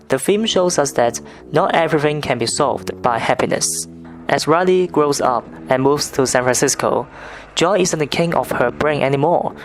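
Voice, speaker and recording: A narrator reading a scripted film review as a video essay, in measured, non-native English phrasing. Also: medium pitch. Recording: narration over clear background music.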